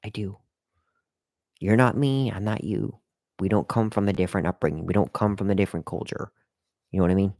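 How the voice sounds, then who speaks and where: A lowish, darkish male voice with fairly even intonation moves at a fairly quick clip yet pauses often. He is a live-stream host giving casual, rambling, repetitive career advice, often speaking straight to the chat, with hiccups and burps mixed in. Dry, clean studio sound.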